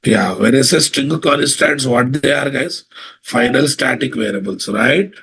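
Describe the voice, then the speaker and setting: Speaking at a measured pace with a medium pitch, vocal fry, and a bit of brightness, a software instructor with a Telugu Indian English accent leads a casual live online class. He repeats phrases and quizzes students to make sure they understand. A little hiss or hum sits in the background.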